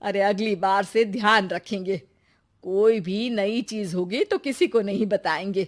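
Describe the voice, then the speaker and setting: A woman voicing a young married man in a cartoon, a son and husband with a quick temper. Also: medium pitch, lightly acted. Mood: plain.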